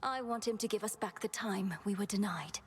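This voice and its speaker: In a video game cutscene, an actress voices a young Underworld princess who is determined, guarded, earnest, formal and self-possessed. Her medium-pitched voice is fairly quick and close to an everyday voice, with a resolute mood.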